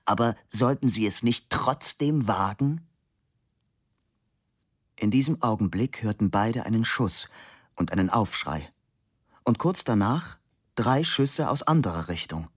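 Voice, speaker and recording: A man narrating a novel in a measured, steady audiobook reading. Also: fairly low pitch, breathy edge, no echo, studio quality. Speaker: audiobook reader. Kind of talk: scripted literary narration.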